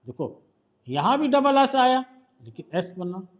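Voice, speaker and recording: High-voiced male shorthand tutor. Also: very animated, a little slow. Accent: Hindi. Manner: patient, quizzing the student with questions. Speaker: shorthand teacher. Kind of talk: one-on-one tutoring.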